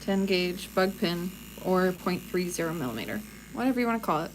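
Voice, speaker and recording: A woman's voice: lowish voice, a little fast, slight background noise, low-quality recording. A woman tattoo artist hosting a casual livestream chat while she works, speaking frankly and laughing easily. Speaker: tattoo artist and channel host.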